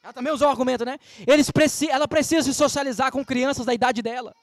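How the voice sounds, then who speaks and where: High-voiced Brazilian pastor preaching emphatically. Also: male voice, fairly even intonation, fast talker, dry recording. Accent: Brazilian Portuguese. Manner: emphatic preaching, rhetorical questions and scripture quotes. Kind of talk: sermon. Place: church.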